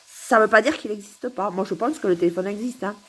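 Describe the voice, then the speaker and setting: A woman's voice: mid-range voice, brisk, a little hiss or hum. A woman recording a rambling, philosophical monologue to camera at home, musing, giggling and repeating herself. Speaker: vlogger.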